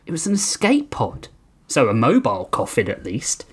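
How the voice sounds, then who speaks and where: A man reading his own crude comic story aloud for a podcast, deadpan with bursts of laughter at his own jokes. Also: medium pitch, normal speed, slight background noise.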